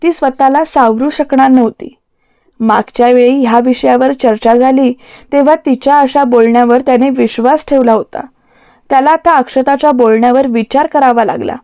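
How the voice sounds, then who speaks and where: A woman reads a romantic story aloud in steady, expressive audiobook narration. Her voice is high yet mellow. The recording is close and dry. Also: moderate pace, dry recording.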